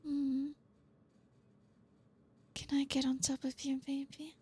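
A young woman whispering softly in an intimate ASMR roleplay, reassuring and coaxing, with frequent low hums. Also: completely flat delivery. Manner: soft unvoiced whispering, slow and soothing.

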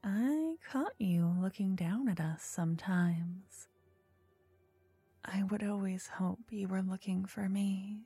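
A woman acts out an obsessive fantasy lover, tender and dangerously possessive. Her sultry ASMR role-play is very breathy and soft, with a mellow tone and an unhurried, soothing pace. The whole thing feels like an intimate audio drama spoken to one listener. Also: medium pitch, faint music behind, full character voice. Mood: wistful, intimate.

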